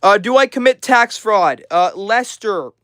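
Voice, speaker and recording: A man's voice: high voice, lively intonation, a little slow, fairly bright tone, dry recording. A twenty-year-old man live streaming, reading out chat names and answering each message in a friendly, upbeat way. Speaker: livestreamer.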